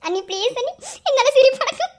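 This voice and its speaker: A woman with a Madurai Tamil accent voicing young village women in an animated family cartoon, scolding in quick slang. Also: very high voice. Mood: bickering.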